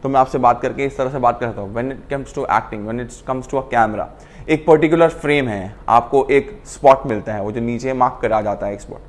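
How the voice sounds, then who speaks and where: A man's voice: medium pitch, moderate pace. A man teaching acting to camera, explaining in a casual mix of Hindi and English and acting out lines to show his points. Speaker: acting coach.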